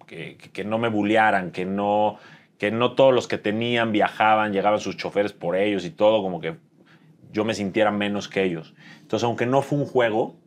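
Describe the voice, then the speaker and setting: A man in his thirties with a Mexican Spanish accent, an interview guest talking reflectively about his life and pausing to search for words. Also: fairly low pitch. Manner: thoughtful, searching for words with fillers. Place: dim studio set with dark curtains.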